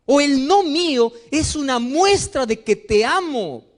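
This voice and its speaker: Male pastor, high and lively voice, animated sermon delivery, acts out voices in stories. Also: measured pace.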